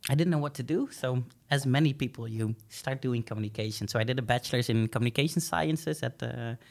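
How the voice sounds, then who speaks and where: A man's voice: medium pitch, a little fast, gravelly. A young man from the Netherlands, a podcast guest speaking reflectively with many fillers and restarts. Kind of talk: podcast interview.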